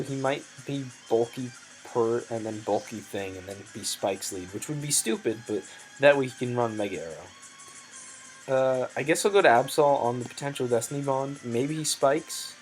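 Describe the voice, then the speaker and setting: A man with a medium-pitched voice, captured on poor audio, comments on his competitive game in a hesitant, thinking-aloud way. He says "um" a lot, keeps correcting himself, and his voice sometimes cracks.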